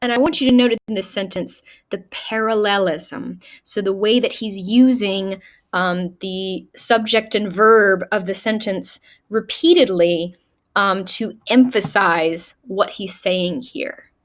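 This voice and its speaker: A woman teacher explaining a famous speech line by line in a recorded lesson, reading quotes aloud with emphasis. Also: mid-range voice. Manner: explains slowly, reads quotes aloud with emphasis, small laughs. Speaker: high school English teacher.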